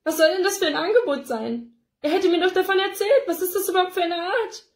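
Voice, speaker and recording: A woman's voice: extremely high pitch, quick pace, pitched above the performer's own voice. A woman voicing a tearful, worried middle-aged mother who sobs and pleads in a raised voice. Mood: distraught.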